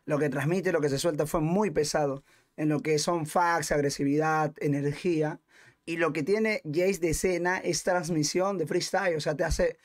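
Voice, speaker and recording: A fairly high-pitched man, reacting live as a streamer to a rap battle. He talks brashly in quick rambling asides and swears a lot.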